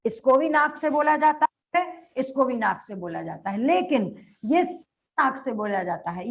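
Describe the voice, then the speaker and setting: A woman with a high voice delivers a grammar lecture, dictating notes at a slow pace and repeating phrases so students can write them down. She asks the class questions and then answers them herself.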